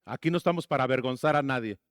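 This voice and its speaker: A man's voice: medium pitch, racing, clear, resonant tone, no echo, studio quality. A man preaching a sermon as pastor, asking the congregation questions and slipping in jokes. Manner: asks the congregation questions and jokes between points.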